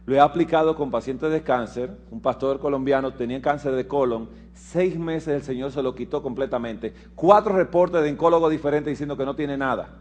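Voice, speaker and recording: A man giving a preached lecture, telling personal stories and acting out the dialogue, dropping to quiet asides and rising to loud emphasis. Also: mid-range voice, a little fast, few pauses, slight background noise. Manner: animated storyteller who acts out dialogue and swings from hushed asides to loud emphasis. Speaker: health lecturer at a Bible prophecy school.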